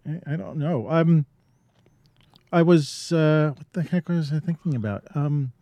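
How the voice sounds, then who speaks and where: A man's voice: on the high side, unhurried, no echo, lo-fi sound. A man co-hosting a podcast, talking in a loose, rambling way with lots of fillers and restarts. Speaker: podcast co-host. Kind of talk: casual chat.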